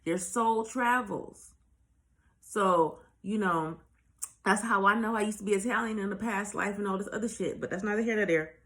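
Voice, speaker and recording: A woman's voice: medium pitch, normal speed, a bit bright. A woman speaking as a spiritual life coach in a casual motivational monologue, blunt and profane, pressing her points with repeated rhetorical questions. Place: at home, recording on her own.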